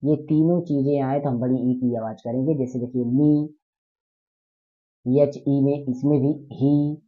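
A man teaches a spoken lesson at a middling pitch, drilling words over and over and firing quick questions at his listeners. The sound is thin and tinny, like it comes through a phone line. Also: fairly even intonation. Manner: repetitive, quizzing listeners with questions.

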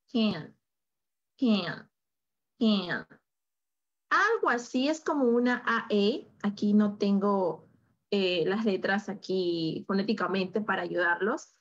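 Woman teacher, slow careful delivery, fairly high voice, lo-fi video call sound. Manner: mixes Spanish and English, repeats phrases slowly for learners. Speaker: English teacher. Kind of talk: online English lesson.

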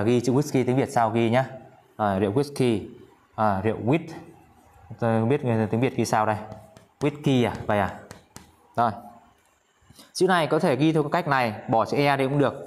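A man's voice: medium pitch, a little mellow. A man teaching English vocabulary in a casual lesson, repeating each word several times and chatting with viewers between words.

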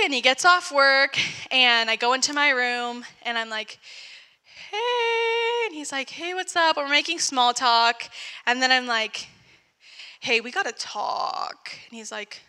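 A woman's voice: fairly high pitch, pushed and bright, clear, resonant tone, long reverb tail. A young woman preaching at a young adults service, telling her testimony as a story and acting out both sides of a conversation. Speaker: young adult ministry speaker. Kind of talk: testimony sermon.

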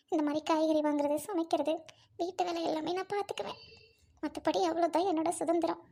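A woman's voice: very high voice, vocal fry, darkish tone. A woman playing a grieving young widow, speaking in a sorrowful, pleading way as amateur drama acting.

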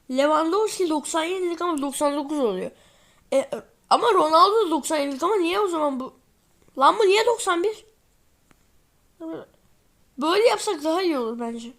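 This football gaming host sounds sleepy yet talks briskly, her high voice carrying lively intonation. She rambles in a chatty way as she plays, repeatedly using "neyse."

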